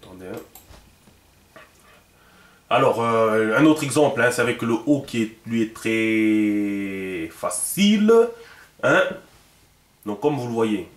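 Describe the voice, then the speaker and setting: A man's voice: lowish voice, lively intonation, slow, pauses often, roomy sound. A man giving a casual video lesson on writing symbols, chatty and full of fillers, often repeating himself as he explains. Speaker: teacher.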